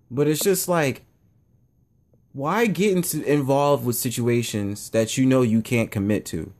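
A man's voice: medium pitch, a little mellow. A young man hosting his own show, giving a casual, blunt opinion monologue that rambles and circles back on itself. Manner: rambling, blunt, repeats himself. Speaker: show host.

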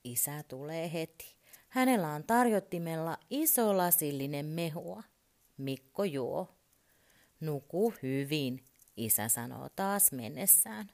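A woman reads a children's bedtime story aloud in a low voice. Her reading is expressive and animated, rising and falling, and she often drops into a hushed whisper. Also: gravelly.

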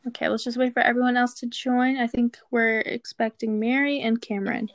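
A young woman with a fairly high voice hosts a casual fan podcast with friends, laughing at herself as she talks. The sound is dry and close, like a home call mic. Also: level tone, no room sound. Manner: giggly, self-deprecating, quick chatter. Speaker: podcast host. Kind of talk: casual group podcast chat.

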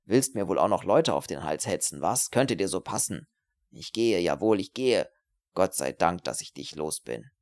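Man voicing a gravelly selfish young student. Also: low-pitched, very animated, normal speed, voice pushed down. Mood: furious. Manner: nervous, pleading, then spiteful. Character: selfish young male student, cowardly then vicious. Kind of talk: audiobook character reading.

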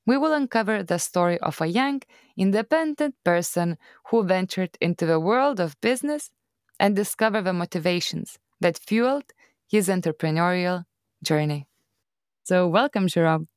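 A woman's voice: fairly low pitch, lively intonation, moderate pace, clear, resonant tone, no room sound, studio quality. A woman hosting a podcast, opening with scripted, upbeat introductions and then asking questions in a conversational interview. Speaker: podcast host.

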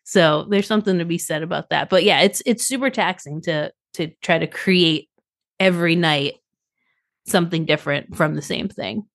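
A woman with a somewhat low voice chats easily about her work as a touring photographer. She is upbeat and laughs often. It sounds like a relaxed podcast conversation. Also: normal speed, dry recording, low-quality recording. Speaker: touring photographer and videographer, guest. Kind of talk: casual podcast chat. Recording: remote call, briefly garbled by a loose cable.

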